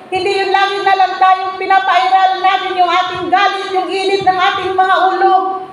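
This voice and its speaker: A woman's voice: very high voice, completely flat delivery, normal speed. A woman preaching a sermon to a congregation and often asking them to answer back. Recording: very echoey room, faint background noise.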